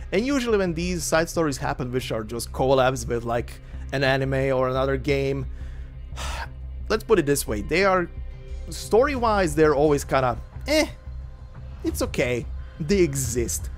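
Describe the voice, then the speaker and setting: A native Croatian-speaking man from Croatia chats casually as host before narrating a game story. His intro rambles in a chatty way with lively pitch jumps, while faint looping game menu music plays behind him.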